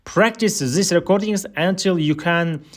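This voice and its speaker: A high-voiced male instructor reads scripted air traffic control phraseology for a listening drill. He takes his time, speaking in an unhurried, deliberate way.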